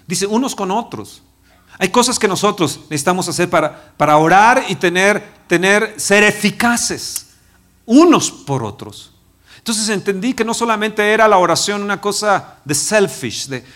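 A man in his fifties, a pastor, preaching a personal testimony with emotion, dropping to a hushed voice and rising again. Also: sits high. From Mexico. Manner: emotional, swings from loud to hushed. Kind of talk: sermon testimony.

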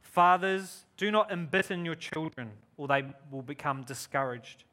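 Giving an enthusiastic guest sermon and prayer in church, this forties-aged man from New Zealand has a fairly high, bright and forceful voice with a New Zealand accent. He keeps a moderate pace and an upbeat, effusive manner.

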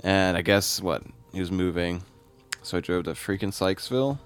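A man's voice: deep voice, moderate pace, smooth, faint music behind. A man co-hosting a comedy podcast, telling stories in a direct, rambling way and laughing easily. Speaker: podcast co-host. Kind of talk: casual comedic chat.

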